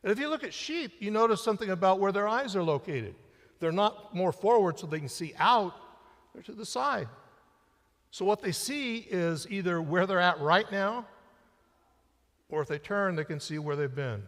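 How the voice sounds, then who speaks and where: A man's voice: high voice, lively intonation, moderate pace. Man preaching in a reverberant church. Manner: conversational preaching, rising and dropping to a hush for emphasis. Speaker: senior pastor. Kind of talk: sermon. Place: church sanctuary. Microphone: church sound system mic. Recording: live-stream with long church reverb.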